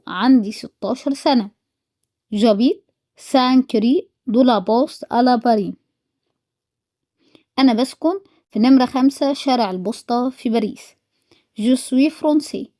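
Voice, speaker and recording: A woman with an Egyptian Arabic accent gives a quick-paced French lesson, repeating each phrase and then translating it. Her voice sits a little high but has a warm, mellow tone. The recording is dry and close. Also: no echo. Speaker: French teacher. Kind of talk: recorded lesson for school pupils.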